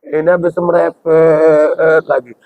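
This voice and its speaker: A man's voice: fairly high pitch, level tone, slow pace, vocal fry. A man preaching a humorous sermon with a Medan Indonesian accent, joking and acting out quoted voices. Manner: jokey, playful, acts out quoted voices. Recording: dull lo-fi recording.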